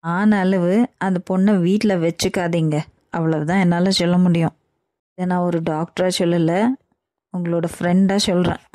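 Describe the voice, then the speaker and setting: A woman voicing a calm doctor in a cartoon, giving firm advice, with a Kanyakumari Tamil accent. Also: fairly low pitch, moderate pace, no room sound, natural voice. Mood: advising. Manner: firm, advising.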